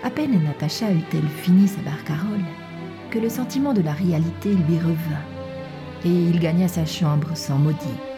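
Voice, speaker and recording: A woman reading a classic novel aloud as an audiobook narrator, softly and at times half-whispered. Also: on the low side, normal speed, over music. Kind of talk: scripted narration.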